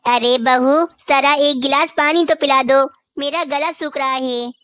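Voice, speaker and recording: A woman's voice: high-pitched, steady tone, a little slow, fairly bright tone. A woman voicing an elderly female crow, a meek mother-in-law in a cartoon, pleading and complaining. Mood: plaintive. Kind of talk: cartoon voice acting.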